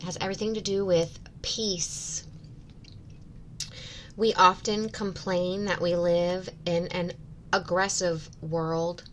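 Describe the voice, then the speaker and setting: A woman giving a spiritual oracle card reading in measured, deliberate phrases with pauses between them. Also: fairly low pitch, little pitch movement, slight background noise. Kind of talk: slow, spiritual guided card reading, partly read out.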